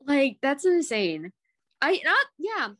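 A young woman talks on a podcast in a bubbly, giggling way, her pitch leaping high and low. She sits a touch above average in pitch. The sound is close and dry, with no room around her. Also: slow, no room sound. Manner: animated, giggly, lots of fillers. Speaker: podcast co-host. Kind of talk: casual chat.

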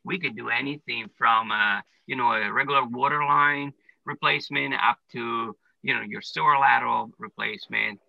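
Speaking at a moderate pace in a gravelly, mid-range voice, an Italian man who owns a plumbing business fields interview questions casually. He has an Italian accent and explains things step by step, leaning heavily on "uh" and "you know." The audio is dull.

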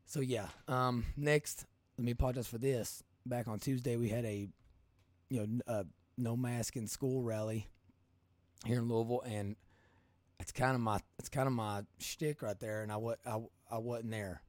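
A man with a Kentucky accent and a hoarse smoker's rasp, hosting a casual podcast in a folksy, rambling, colloquial way. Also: mid-range voice, fairly even intonation, normal speed, darkish tone, no room sound. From Kentucky, United States. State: hoarse from coaching. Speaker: podcast host.

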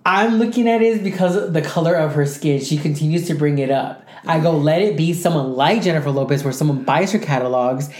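A woman's voice: sits low, a little fast, hardly any pauses, darkish tone. A woman co-hosting a casual pop-culture podcast, opinionated and rambling with lots of fillers. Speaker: podcast co-host. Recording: echoey room.

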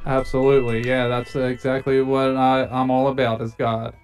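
A man co-hosting a livestream show in an agreeable, even-tempered, casual way. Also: medium pitch, normal speed, soft background music. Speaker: co-host of a crosscast show.

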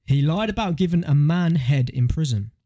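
A young man co-hosts a podcast, casually bantering and reacting to submitted stories in a slangy, jokey, incredulous way. His voice is fairly high and mellow with lively intonation at a normal speed. The sound is clean studio audio with no room sound.

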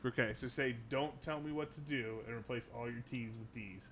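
A man's voice: mid-range voice, fairly bright tone, slight background noise. Laughing man telling stories on a podcast. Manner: quick, laughing storyteller. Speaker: podcast co-host. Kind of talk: casual podcast banter. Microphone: studio mic.

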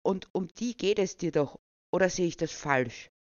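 A man voicing a pompous, spiteful deputy mayor who talks down to others loudly. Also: high-pitched, expressive, normal speed, dry recording, muffled recording, pitched above the performer's own voice. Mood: venomous. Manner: venomous, self-important, loud.

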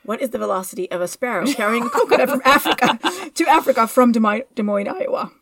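Playful woman interviewer, kinda high voice, jokey and chatty, dry close mic. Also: expressive, quick pace, fairly bright tone, no echo. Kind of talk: casual conversational interview.

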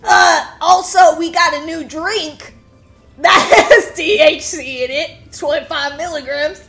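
A woman running a tabletop game, chatting loudly and laughing between rounds. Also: high voice, slow pace, vocal fry, faint music behind. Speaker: game master. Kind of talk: casual game chat.

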